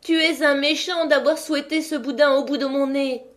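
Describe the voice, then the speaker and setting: A woman voicing a vain, quick-tempered peasant wife with a raised, emphatic voice. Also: sits high, steady tone, a bit bright, pitched above the performer's own voice. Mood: distraught.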